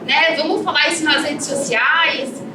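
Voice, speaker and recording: A woman activist speaks in an urging, rallying way, her voice pitched high. She is heard from a distance in an echoey room. Room noise sits clearly behind her. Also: unhurried. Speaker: youth activist panelist. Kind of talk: talk to an audience. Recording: echoey room, far from mic, noisy.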